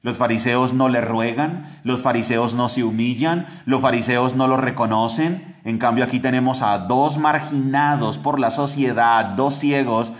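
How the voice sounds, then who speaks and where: A man, co-hosting a podcast and giving an animated Bible teaching. He keeps asking the listeners rhetorical questions. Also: a little slow, few pauses. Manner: animated, acts out quoted voices with big pitch jumps.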